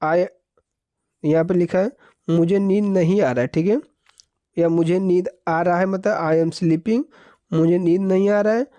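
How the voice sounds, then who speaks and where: A man from India with a Hindi-speaking Indian accent teaches spoken English, repeating each phrase slowly and switching between Hindi and English. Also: high-pitched, fairly even intonation, warm tone, no echo. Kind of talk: slow spoken-English lesson.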